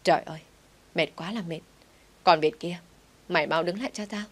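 A woman's voice: lowish voice, fairly even intonation, fairly quick, close to an everyday voice. A woman reading an audio story, voicing a clumsy, pampered young woman who runs a company, talking in a whiny, pleading way. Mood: shouting.

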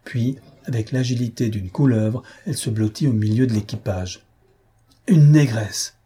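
Husky, dark-voiced male narrator. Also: on the low side. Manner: measured, dramatic storytelling. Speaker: audiobook narrator. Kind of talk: scripted narration.

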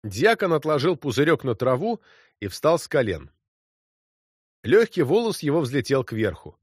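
A man reading a literary story as an audiobook, in an expressive narrating voice. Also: medium pitch, moderate pace, slightly rough, no room sound, studio quality.

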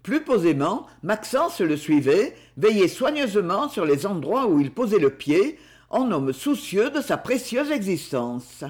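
A male audiobook narrator with a fairly high voice and a lively, rolling intonation. He reads the story theatrically, leaning into each sentence. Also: unhurried. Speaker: audiobook reader. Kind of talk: scripted narration.

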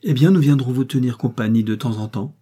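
A man's voice: mid-range voice, fairly quick, dark tone, slightly rough, close to an everyday voice. A man reading a cheerful well-off mother. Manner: cheerful, affectionately firm. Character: kindly well-off middle-aged mother.

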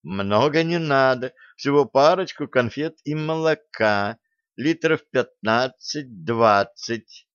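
A young elf woman, played by a man narrating, languid and sly as she schemes. The voice stays smooth and clear at a middle pitch. The recording is dry and slightly dull. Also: lively intonation, slow, a bit bright, no room sound. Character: dreamy young female elf, mistress of the cat.

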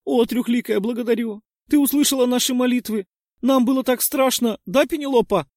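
A man voicing a crafty eleven-year-old girl who pleads in high, sobbing, breathless bursts, feigning fright. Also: brisk, a little mellow, no echo, clean studio sound. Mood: fake tearful. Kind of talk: audiobook character voice.

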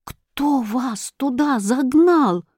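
A woman's voice: on the high side, unhurried, darkish tone, no room sound, clean studio sound, close to an everyday voice. A woman voicing an anxious schoolboy who calls out urgently in an audiobook story. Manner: raised, urgent calling. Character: schoolboy hero, eager and anxious.

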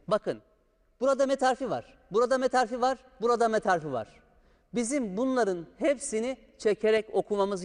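A man teaching Quran recitation, patiently drawing out sounds to show the correct pronunciation. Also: sits high. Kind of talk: step-by-step recitation lesson. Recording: long hall reverb.

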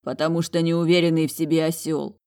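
A woman's voice: sits low, little pitch movement, fairly quick, a little mellow. A woman voicing a proud young man who pleads earnestly for forgiveness, in storybook narration. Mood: pleading.

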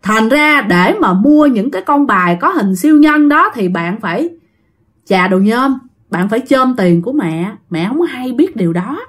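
A woman's voice: a little high, animated, moderate pace. A woman tells a ghost story in a chatty style, addressing her listeners directly. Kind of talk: casual ghost story narration.

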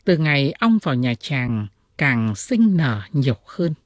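A woman reading classic ghost tales aloud in an expressive, dramatic storytelling style. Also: extremely low pitch, measured pace, dry recording, clean studio sound. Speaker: audiobook reader.

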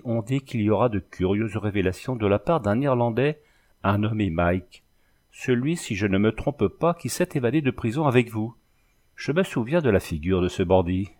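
A man reading a classic novel aloud in a measured, expressive way, including the letters in the story. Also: on the low side. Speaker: audiobook reader. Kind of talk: scripted narration of a classic novel.

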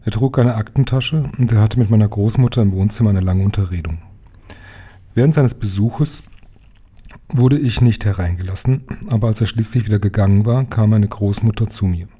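A man reading a children's story aloud in steady, calm first-person narration. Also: lowish voice, moderate pace, slightly rough. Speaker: audiobook reader.

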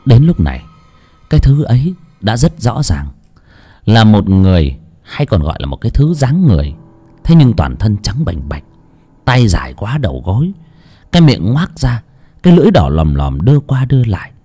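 Expressive man narrating. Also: lowish voice, normal speed, breathy edge. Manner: dramatic, expressive. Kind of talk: audiobook horror story narration. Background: faint music.

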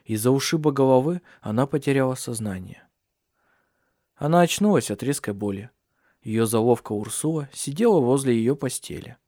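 A man reads an audiobook in a measured, even storytelling style at a medium pitch. The recording is clean studio sound with no room echo, and the narration is scripted.

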